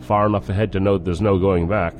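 A man acts a guarded federal agent in a sci-fi radio drama. The voice is very deep and the delivery terse, politely curt. Music runs clearly underneath. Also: fairly even intonation, fairly quick, darkish tone, lightly acted. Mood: wary, guarded. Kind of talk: science fiction audio drama acting.

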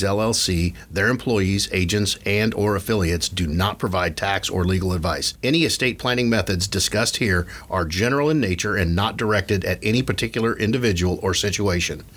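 A man with a fairly low voice delivers scripted disclaimer narration. His reading is formal and measured, keeping a matter-of-fact tone as an announcer would for fine print. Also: a bit bright.

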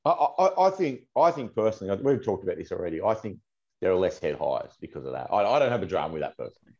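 A man's voice: low-pitched, sing-song, fast talker, a little mellow. An Australian man on a podcast panel, arguing insistently in casual sports debate and repeating his phrases. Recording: slightly dull, lo-fi audio.

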